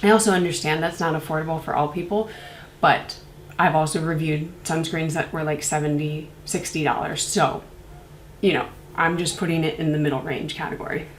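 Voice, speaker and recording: This young woman's low, steady voice moves fairly quickly, caught in a roomy space with a bit of hiss or hum on a rough recording. Stuffed up from a cold, the beauty reviewer rambles casually about skincare, filling her vlog with many fillers.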